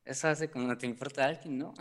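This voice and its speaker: A man's voice: medium pitch, steady tone, normal speed, fairly bright tone. A man who is a guest on a talk show, speaking about his feelings hesitantly, with many fillers and nervous laughs. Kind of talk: conversational personal talk. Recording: long reverb.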